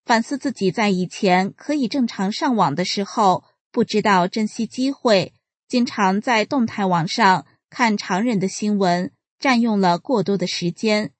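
A woman reading a published article aloud in a measured, even, announcer-like delivery. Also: mid-range voice, dry recording. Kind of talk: scripted reading.

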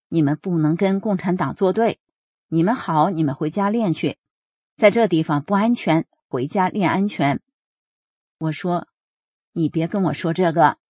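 Woman, narrator, earnest and steady, husky voice, dry recording. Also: lowish voice, dry recording. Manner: steady, earnest storytelling with quoted dialogue. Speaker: reader of a personal account. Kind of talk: first-person narration read aloud.

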